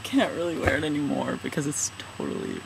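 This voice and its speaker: A man in his twenties from California talks in a halting, thoughtful, self-deprecating way in a casual personal vlog. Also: on the high side, vocal fry, a little hiss or hum, low-quality recording. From California, USA. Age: 20s. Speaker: vlogger, regular channel contributor.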